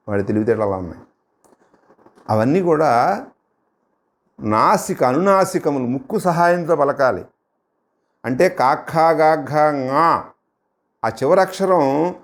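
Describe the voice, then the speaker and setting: A middle-aged man with a Telugu accent teaching grammar in a steady, mid-range voice. He drills sounds one by one, stretching each syllable so the class can copy it. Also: medium pitch. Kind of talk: grammar lesson.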